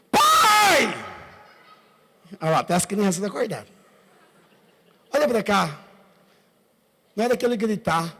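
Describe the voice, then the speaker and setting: A man's voice: sits high, vocal fry. A male pastor delivering a sermon, emphatic and speaking directly to his congregation. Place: church sanctuary. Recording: long church-hall reverb.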